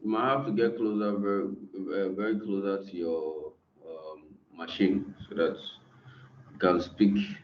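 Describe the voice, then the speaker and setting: A male instructor leads an online lesson, captured by a screen recording of the video call. He talks slowly and hesitantly, leaning on fillers as he works through queries. The audio is muffled and roomy. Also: deep voice, fairly even intonation, a little hiss or hum. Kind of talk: online class lecture. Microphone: computer mic on a video call.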